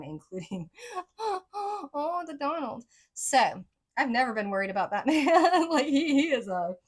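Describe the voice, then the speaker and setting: A woman psychic reader talking casually to her viewers, rambling with lots of "like" and "right?", her speech a mix of accents she picked up from many places. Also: medium pitch.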